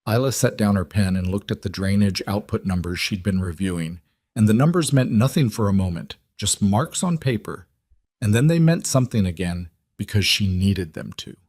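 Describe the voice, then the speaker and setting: A man with a low voice narrating a dramatic story in a steady, even way. The recording is dry and close, with no room sound. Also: moderate pace, no echo. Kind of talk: scripted audiobook narration.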